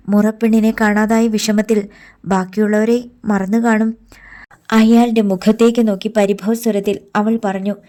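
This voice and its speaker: A woman with a mid-range voice reads a novel aloud as an audiobook narrator, telling the story in a steady, even manner.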